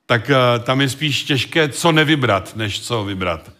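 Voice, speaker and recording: Halting, measured male preacher. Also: medium pitch, lively intonation, sharp tone. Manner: measured, halting delivery with many hesitations. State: occasional cough. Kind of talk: sermon with Bible reading.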